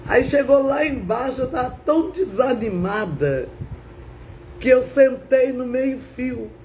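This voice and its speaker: On a live stream, a woman preacher slowly draws out her words as she gives an emotional testimony sermon. Her voice sits high and a little mellow with lively intonation, and she tells her story dramatically, repeatedly breaking in with praise phrases. The audio is poor, with a faint hiss in the background.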